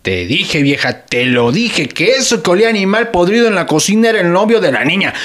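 Man as a jokey middle-aged dad, Mexican Spanish accent, slightly high voice, playful whining. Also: big pitch swings, a little fast, fairly bright tone. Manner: joking, exaggerated whining. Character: joking middle-aged Mexican father, hungry and teasing. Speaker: father. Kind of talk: sketch acting.

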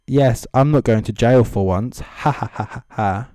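In a dry, clean studio recording, a man with a mid-range, dark-toned voice speaks at a measured pace. He's a comedy host reading social media comments, riffing casually with sweary, sarcastic, mocking asides.

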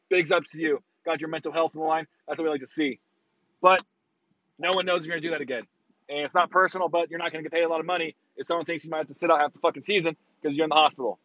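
A man's voice: on the high side, fairly bright tone, highs cut off, a little hiss or hum. A man with a worn, burnt-out voice giving a casual, profane, blunt rant as a football talk host. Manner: opinionated, breaking into mocking quotes.

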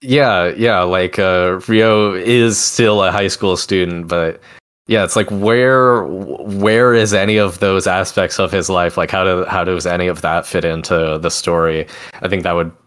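A man's voice: sits low, steady tone, measured pace, a bit bright, smooth. A man co-hosting a casual gaming podcast, talking hesitantly and often restarting his sentences. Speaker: podcast co-host. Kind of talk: casual chat.

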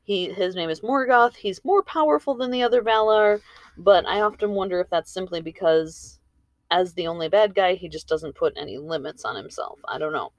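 A woman's voice: on the low side, moderate pace, no echo. A woman hosting a story podcast, telling tales and chatting in an informal way with rambling asides. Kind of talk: storytelling and casual commentary. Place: room in a house.

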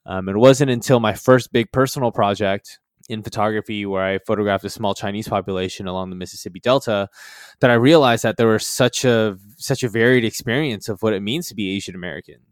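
A young man from the San Francisco Bay Area, a photographer, answering interview questions in a relaxed way with many fillers. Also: lowish voice, brisk, no echo, clean studio sound. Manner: relaxed, with fillers like "um" and "you know".

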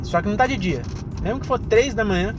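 High-voiced sleepy Brazilian man rambling while driving. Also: fast. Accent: São Paulo state Brazilian. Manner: rambling, self-deprecating joking, slangy. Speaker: podcast host and comedian. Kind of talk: casual solo podcast monologue. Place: inside a car while driving. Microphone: handheld phone. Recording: phone recording in moving car, music.

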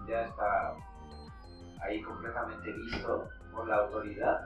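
Male co-host, Mexican accent, swooping lively intonation, casual slang, heavily reverberant room. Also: lowish voice, unhurried. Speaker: podcast co-host. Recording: muffled, very echoey room, distant mic, music.

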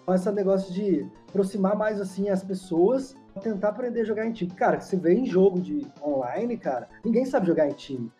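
A man's voice: high-pitched, animated, fairly quick, hardly any pauses, dark tone. A young man with a Brazilian Portuguese accent in casual, slangy chat, often ending on tag questions. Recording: dull lo-fi, music behind.

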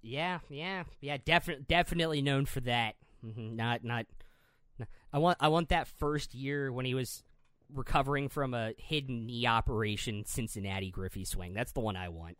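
A man co-hosting a casual podcast chat, animated, often repeating words as he thinks. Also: medium pitch, normal speed, clean tone, no room sound. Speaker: podcast co-host.

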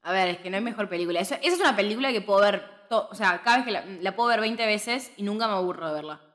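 On a film podcast, a Rioplatense-accented woman in her twenties spins stories in a rapid-fire, mid-range voice. As co-host she chats casually with lots of slang, laughing while she narrates with animation.

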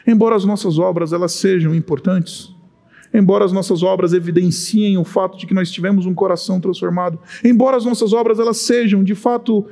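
A man with a Brazilian Portuguese accent preaching a sermon, impassioned and rising to shouts on key points. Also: high-pitched, big-room sound. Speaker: pastor.

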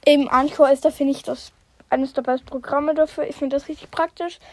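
A woman's voice: high-pitched, fairly even intonation, brisk, darkish tone, poor audio. A young woman hosting a casual solo podcast recorded on her phone, chatting loosely, losing her thread and breaking off mid-sentence. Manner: chatty, scattered, self-interrupting, often drops to a whisper. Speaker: podcast host. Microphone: phone, no microphone.

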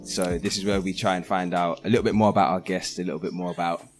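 A young man hosting a podcast, asking questions in a relaxed, loose way with many fillers. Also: sits low, fast, soft background music. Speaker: podcast host. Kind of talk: casual podcast interview.

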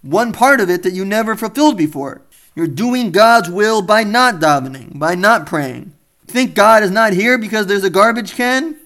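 A man's voice: high voice, animated, moderate pace, fairly bright tone. A man giving a spoken Torah lesson, earnest and telling stories with quoted dialogue. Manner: earnest, storytelling with acted quotes. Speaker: rabbi teacher.

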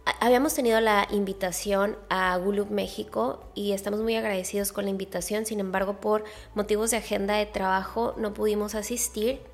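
A woman's voice: medium pitch, steady tone, brisk, soft background music. A woman with a nasal, congested-sounding voice, hosting a podcast in a casual, chatty, direct way. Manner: chatty, informal, emphatic with rhetorical questions. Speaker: podcast host. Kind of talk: casual solo podcast monologue, addressing listeners directly.

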